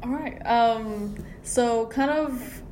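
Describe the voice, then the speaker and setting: A woman's voice: a little high, extremely slow, warm tone, slight background noise. A woman asking interview questions hesitantly, with lots of fillers. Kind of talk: casual interview.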